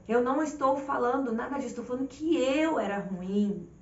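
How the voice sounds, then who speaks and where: Brief: woman preacher, fairly high and gravelly voice, heartfelt testimony, roomy distant live sound. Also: normal speed, dull audio. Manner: intimate storytelling, acts out her own prayers. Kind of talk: emotional testimony sermon.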